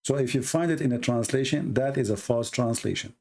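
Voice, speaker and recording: In a mid-range, slightly mellow voice and a fairly quick pace, an Arabic-accented man hosts a debate talk show. He is a native Arabic speaker from the Middle East, and his casual commentary is blunt, mocking and grammatically broken.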